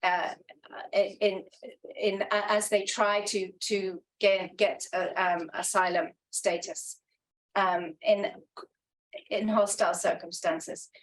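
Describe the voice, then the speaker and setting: In a mid-range voice with a steady tone, this researcher takes her conference talk slowly, earnest and reflective throughout. Hesitation shows in her many restarts and ums, and the audio is poor.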